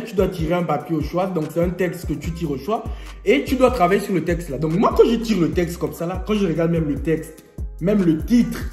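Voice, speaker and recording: A young man vlogging a storytime, joking and laughing as he tells it. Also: high voice. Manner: lively, joking storyteller who laughs often. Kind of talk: storytime vlog. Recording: echoey room, faint music.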